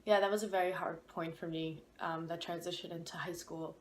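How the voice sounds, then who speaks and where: A woman in her twenties from Ukraine speaks candidly about her past, thinking aloud with small hesitations. Her voice sits a little low and carries the echo of a bare room, with faint noise behind it. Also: steady tone, brisk. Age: 20s. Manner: candid, reflective, with hesitant fillers. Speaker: interviewee. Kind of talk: personal testimony.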